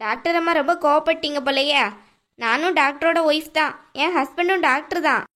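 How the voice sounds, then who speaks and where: A woman voicing a sharp-tongued, nagging middle-aged mother-in-law in a cartoon, scolding and mocking. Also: sits high, fairly quick. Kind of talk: cartoon voice acting.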